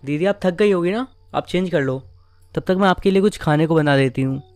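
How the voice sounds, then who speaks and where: A man voicing a young sister-in-law who speaks softly and considerately. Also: on the high side, a little fast, clean tone, no echo, natural voice. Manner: soft and considerate. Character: young sister-in-law, caring and soft-spoken.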